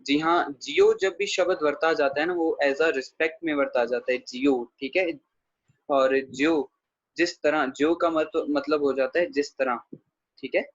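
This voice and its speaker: A man with a slightly high, husky voice teaches an online pronunciation class. He patiently repeats each word slowly to model how it sounds and checks in with students by name. The sound is dull and dry, with a lo-fi feel. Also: no echo. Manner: patient, repeats words slowly to model pronunciation, says 'theek hai' often; addresses students by name, answering their questions. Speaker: Gurbani grammar teacher.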